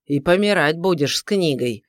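A man's voice: on the high side, lively intonation, normal speed, no room sound, studio quality, lightly acted. A man doing a blunt old housekeeper. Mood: grumbling. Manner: curt, plain-spoken. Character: gruff, blunt older housekeeper woman.

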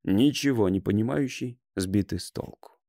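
A man reading a story as an audiobook narrator, in a measured, even manner. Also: fairly low pitch, vocal fry, dry recording, clean studio sound. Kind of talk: scripted narration.

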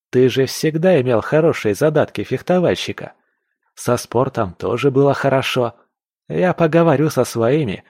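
A man's voice: mid-range voice, no room sound, studio quality, pitched above the performer's own voice. A man doing a brash, boastful young fighter. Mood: earnest. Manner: boastful, eager, loud. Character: brash excited young male fighter, newly famous. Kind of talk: audiobook character voice.

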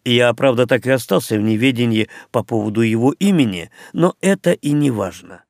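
Man reading as cheerful young doctor, joking, gravelly. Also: mid-range voice, lively intonation, brisk, darkish tone, dry recording, studio quality, lightly acted. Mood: breezy.

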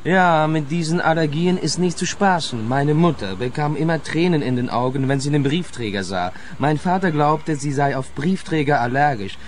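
A man's voice: fairly high pitch, lively intonation, moderate pace, few pauses, a little hiss or hum, lightly acted. An actor playing a chatty, slightly odd young man in a radio crime comedy. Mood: chatty, evasive. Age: young adult.

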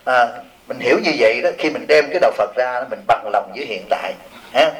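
A man's voice: mid-range voice, fairly quick, a crowd in the background, low-quality recording. A man, a Buddhist monk giving a humorous sermon, reading out questions and teasing his audience with rhetorical questions.

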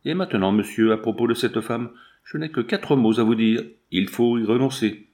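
A man's voice: mid-range voice, normal speed, darkish tone, natural voice. A man doing a stern old general. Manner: stern and agitated.

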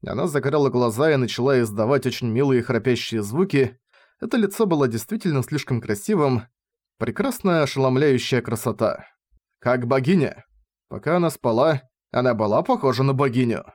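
A man narrating a light novel audiobook in a steady, even reading. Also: mid-range voice, fairly quick.

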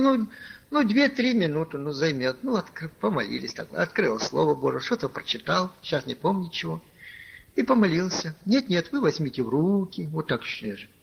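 Husky-voiced man preaching on lo-fi tape. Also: a little high. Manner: folksy, addresses listeners as brothers, many filler "ну". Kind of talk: conversational sermon with a personal story. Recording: lo-fi archival tape recording.

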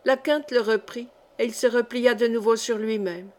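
A woman reading a classic short story aloud in a measured, clear way. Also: on the high side, steady tone, a little mellow. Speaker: audiobook reader. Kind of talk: literary narration.

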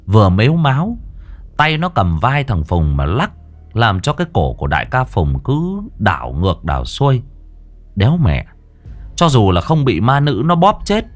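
A man narrating a ghost story in a vivid, colloquial storytelling manner. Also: fairly low pitch. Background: soft music.

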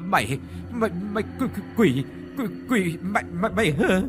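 A man voicing a coarse old rich man in a horror story, who shouts, curses and stammers in fright. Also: a little high, very animated, normal speed, music in the background. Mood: stammering, terrified.

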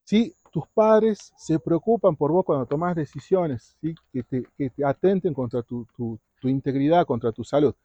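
Hardly pausing, a youth retreat speaker moves at a moderate pace through a Bible talk for preteens, repeatedly asking questions and ending lines with "¿sí?". His voice is on the high side with a dark tone. There's no room sound in the dull, lo-fi recording.

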